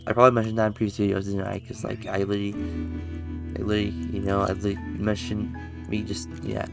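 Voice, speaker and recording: Gravelly young man narrating a game. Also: lowish voice, completely flat delivery, quick pace, over music. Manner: rambling, self-correcting, chatty asides. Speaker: game streamer. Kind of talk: reading game text aloud with casual commentary.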